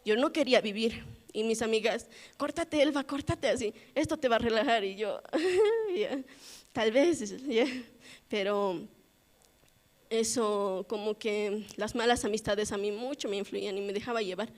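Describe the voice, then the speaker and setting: A woman's voice: medium pitch, normal speed. A young woman gives a personal testimony at a church service, telling her story casually and acting out the dialogue she quotes. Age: 20s. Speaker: church member giving testimony.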